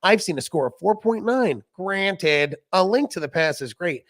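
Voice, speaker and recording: Lively jokey man co-hosting a podcast. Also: high-pitched, normal speed, no echo, clean studio sound. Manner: jokey, reads letters in mock voices, laughs often. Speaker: podcast co-host. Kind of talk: casual chat reading old magazine letters.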